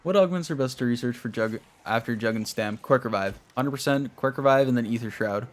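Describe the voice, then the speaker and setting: A young man streaming a game chats casually and ramblingly with his viewers while he plays, using a medium-pitched voice at a slightly fast pace.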